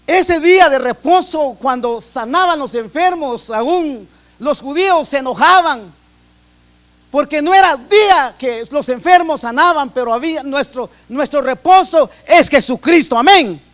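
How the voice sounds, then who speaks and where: Very high-voiced Guatemalan preacher. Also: male voice, animated, measured pace, fairly bright tone. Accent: Guatemalan Spanish. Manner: earnest, repeats and restarts phrases while preaching. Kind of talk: sermon.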